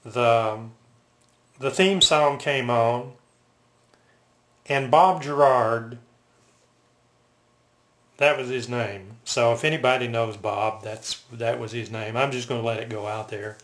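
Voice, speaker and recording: An older man telling personal stories casually, in a halting, reflective, unscripted way. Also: medium pitch, fairly bright tone. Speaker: military veteran reminiscing. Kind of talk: casual personal storytelling to camera. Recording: roomy, echoing home recording.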